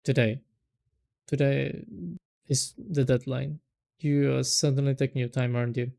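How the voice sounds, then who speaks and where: A man voicing a strict, bossy young female student council president in a visual novel, speaking in a sharp, scolding, deliberate way. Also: medium pitch, flat delivery, gravelly. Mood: stern.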